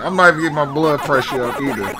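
A man giving casual, profane gameplay commentary, swearing and shouting at the game as he plays. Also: fairly high pitch, rapid-fire, noisy background. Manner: profane, excitable, yelling outbursts at the game. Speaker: gaming commentator. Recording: game music loud behind voice. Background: game music.

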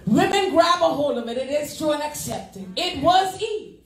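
Woman associate pastor, high voice, lively preaching, roomy sanctuary sound. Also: normal speed, soft background music. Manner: preaching with call-and-response, animated and laughing. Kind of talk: sermon. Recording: echoey church sanctuary.

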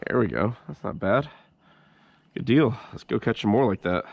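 His voice is lowish, gravelly and husky, delivered at normal speed with the high frequencies cut off. Out on a swampy creek in a kayak, he casually talks through his fishing trip on a head-mounted action camera, relaxed, chatty and swearing without restraint.

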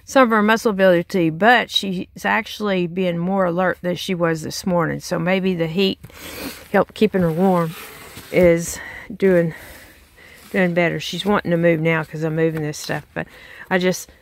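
Out on her rural farm by the chicken pen, a middle-aged Texan woman with a Southern accent talks folksily to her handheld phone camera, using lots of fillers. Her lowish voice stays steady at a moderate pace and has vocal fry.

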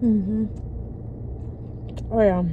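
A woman's voice: medium pitch, steady tone, very slow, phone-quality sound, background noise. A young woman vlogging casually to her viewers while eating, her mouth full of food, chatty and calling them "girl". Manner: chatty, says "girl" often. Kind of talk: casual vlog chat to viewers.

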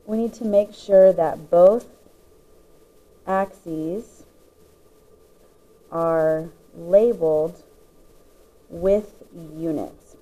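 A woman's voice: fairly low pitch, drawn-out words, pauses often, narrow, tinny audio. A woman teacher patiently explaining the parts of a graph, step by step, as she writes notes. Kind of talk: classroom lesson explaining graphs.

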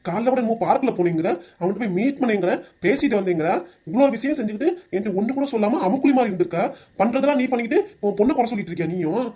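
Cartoon father, middle-aged and hot-tempered, southern Tamil accent, voiced by one performer; rapid delivery. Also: medium pitch, lightly acted. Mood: scolding. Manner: scolding, shouting, then weeping.

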